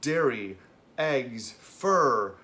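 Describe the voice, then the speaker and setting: A man's voice: mid-range voice, expressive, very slow, pushed and bright. A man co-hosting a casual review in a campy, conversational way, dropping wry asides. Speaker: host reviewing a documentary.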